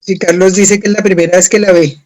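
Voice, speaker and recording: A woman's voice: mid-range voice, level tone, fast, a little mellow, rough recording. A woman speaking as a guest in a public talk, reflective and hesitant as she leads a discussion.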